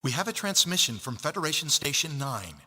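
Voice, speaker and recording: A dutiful bridge officer, echoing with long reverb. His voice is rather high, raspy and urgent, reporting crisply in the manner of a sci-fi game. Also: big pitch swings, a little fast, bright, forceful tone, heavily acted. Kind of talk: dramatic video game voice acting.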